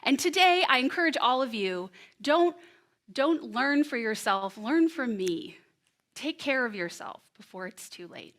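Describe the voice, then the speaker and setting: A woman in her thirties performing a personal story on stage before an audience, with an expressive, animated delivery and dramatic pauses. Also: high voice. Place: presentation room before an audience.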